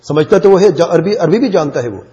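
A man's voice: on the high side, animated, dark tone. A man teaching a class, explaining patiently and encouraging his students. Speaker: religious teacher. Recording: dull audio in a reverberant hall.

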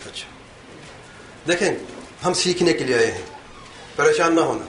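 Animated and fairly bright, with a slightly high voice, a male Islamic lecturer quizzes and teases his live audience during a religious talk. It's recorded in an echoey lecture hall with faint background noise.

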